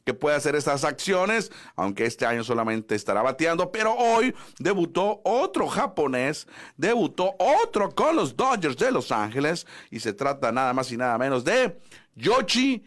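A man co-hosting a sports radio show in casual, animated chat. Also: a little high, normal speed. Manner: lively, animated, jokes and laughs.

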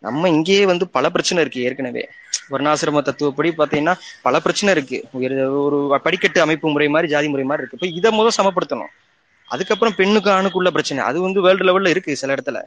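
A man talks casually but earnestly in an online audio discussion, laying out his point step by step. His voice sits somewhat high for a man, and he often breaks off and restarts his phrases as he goes. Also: quick pace, a bit bright, highs cut off, a little hiss or hum. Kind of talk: casual political talk.

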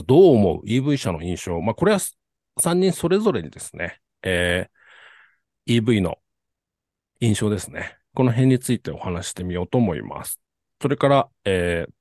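Low-voiced guy hosting a car podcast, super polite and formal, pitch moves around a lot, dry sound. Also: a little mellow, no echo. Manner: very polite, formal announcer-like phrasing. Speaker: podcast host. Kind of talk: presenting a car talk podcast.

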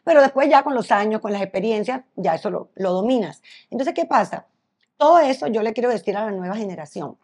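Brief: middle-aged female stylist, interview guest, animated and emphatic, fast talker. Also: mid-range voice, breathy edge. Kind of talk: casual interview chat.

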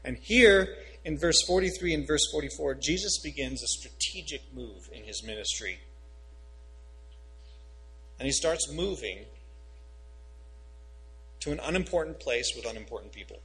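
A man, a pastor reading scripture and preaching a sermon, rising in pitch and volume on key phrases. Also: expressive, a little slow, pauses often, sharp tone, rough recording.

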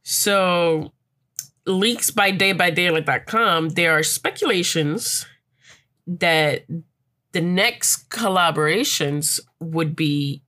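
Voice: medium pitch, takes it slowly, pushed and bright. A speaker in a casual gaming chat who rambles loosely and swears freely.

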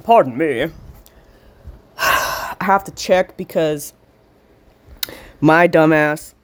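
A woman talking close into a handheld voice recorder for her audio diary, rambling and swearing freely. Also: deep voice. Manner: rambling, profane, slow with long pauses. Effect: handheld voice recorder held to the mouth. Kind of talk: casual spoken audio diary.

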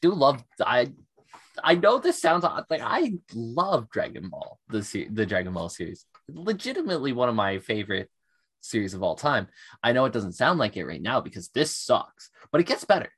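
A man's voice: medium pitch, very animated, moderate pace, fairly bright tone, husky. A man co-hosting a casual chat podcast, rambling with lots of fillers and self-deprecating enthusiasm. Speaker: podcast co-host.

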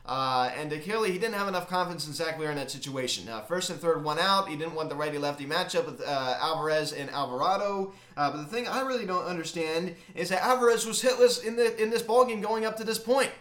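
A man hosting a casual sports recap, talking in a halting, emphatic fan's manner, recorded in an empty closet. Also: on the high side, fairly bright tone. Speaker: sports recap video host. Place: empty unfurnished closet in a home. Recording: echoey small bare room.

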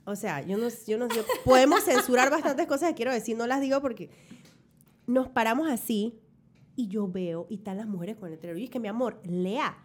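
A woman's voice: on the high side, brisk, slight background noise. Effusive woman telling a story. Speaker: guest. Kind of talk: casual chat.

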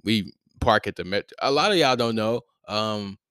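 A man's voice: on the low side, lively intonation, moderate pace, fairly bright tone, clean tone, no echo. Casual young male podcast co-host, laid-back slangy storyteller, dry close mic. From St. Louis area.

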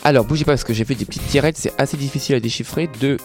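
A man's voice: medium pitch, rapid-fire, soft background music. A man on a casual quiz podcast, joking, blurting answers and mocking himself. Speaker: podcast co-host and player.

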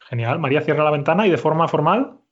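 Male language teacher, patient and clear, a bit high-pitched, muffled recording. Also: lively intonation. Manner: patient, slow and clear, repeats answers. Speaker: Spanish teacher. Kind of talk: conversational language lesson.

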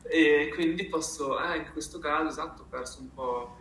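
A man speaking emphatically and expressively in a casual interview, with halting phrasing and repeated words. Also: on the high side, steady tone, fairly bright tone. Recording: roomy, echoing sound.

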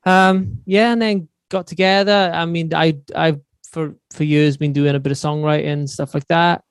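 A man's voice: a little high, steady tone, moderate pace, smooth, no room sound. Podcast guest, male, Swansea Welsh accent, clean tone, close dry sound, matey and informal. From Swansea, Wales. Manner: matey, informal, peppered with "you know". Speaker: podcast guest, band musician and songwriter. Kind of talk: casual interview chat.

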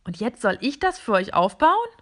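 A woman voicing a tiny curious robot vehicle with a very high, hesitant voice full of ums. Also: very animated, moderate pace, fairly bright tone. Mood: bewildered. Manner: hesitant, bewildered, with many ums.

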